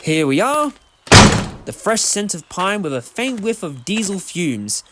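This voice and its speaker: A man's voice: high voice, big pitch swings, measured pace, very noisy. A man acting a whimsical, breezy time-travelling adventurer in a fan audio drama, with a theatrical, musing delivery. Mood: jaunty.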